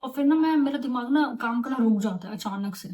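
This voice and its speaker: A young adult woman telling a story in a casual vlog, chatty and animated, with English words mixed into her talk. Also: on the high side, fast. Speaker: vlogger.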